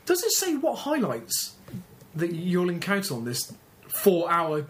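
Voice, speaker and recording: Higher-voiced English man, halting casual chat. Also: wildly swooping pitch, a little hiss or hum. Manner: hesitant, stammering restarts. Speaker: podcast co-host.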